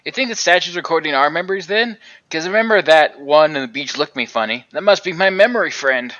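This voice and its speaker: A man puts on a calm, easygoing alien space traveler, reading game dialogue in a voice pitched a little above his own. The tone stays bright and forward, and the delivery is laid-back and musing, with a gentle teasing edge. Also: brisk, muffled recording. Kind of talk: reading game dialogue aloud on a live stream.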